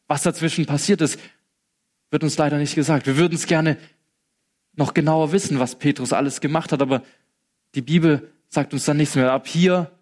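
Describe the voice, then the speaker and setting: Guy preaching, tells the story lively and casual, voice a bit on the high side. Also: normal speed. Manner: lively storytelling, acts out quotes, colloquial. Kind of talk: sermon.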